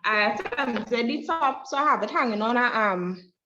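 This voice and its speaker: Brief: female student calling in over a choppy video call, higher voice, muffled lo-fi sound, halting delivery. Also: expressive. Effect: video call audio, breaking up. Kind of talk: showing homework to a class.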